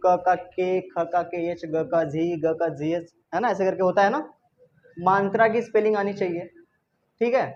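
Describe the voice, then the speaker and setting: A woman's voice: on the low side, darkish tone, dull audio, slight background noise. A woman teaching a classroom lesson who keeps checking with her pupils by asking "isn't it?" and plays with rhetorical questions. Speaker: English teacher.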